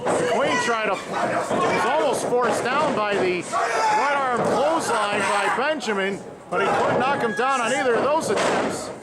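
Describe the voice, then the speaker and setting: A man calling lucha libre wrestling as play-by-play announcer, in dramatic, excited phrases. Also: very high-pitched, measured pace. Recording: loud crowd noise behind the voice. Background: noisy wrestling arena crowd.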